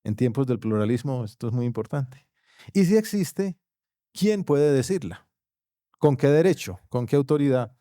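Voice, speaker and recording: Measured Colombian man giving a lecture. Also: mid-range voice, sing-song, no echo, clean studio sound. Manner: measured, drops to quiet asides. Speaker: conference speaker. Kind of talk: academic lecture. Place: university auditorium.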